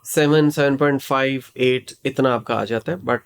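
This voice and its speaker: A man's voice: mid-range voice, steady tone, moderate pace, clear, resonant tone. A man from Pakistan with a Pakistani accent, an IELTS teacher explaining patiently in an interview and repeating phrases for emphasis. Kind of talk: interview answers, mixing English phrases.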